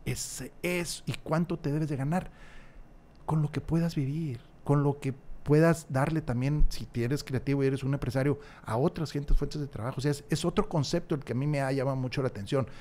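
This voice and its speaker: A male podcast guest in a casual conversational interview talks at length, acting out little dialogues and repeating key phrases for emphasis. His fairly high, darkish voice is fairly quick, recorded in a small room on a large studio mic on a stand, with headphones on.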